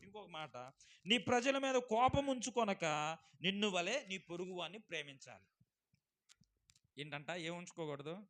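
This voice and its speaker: A male pastor delivers a sermon at a church service. His voice sits high and sounds bright and forceful. He swings between loud, emphatic declarations and soft, quiet asides. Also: normal speed, long pauses.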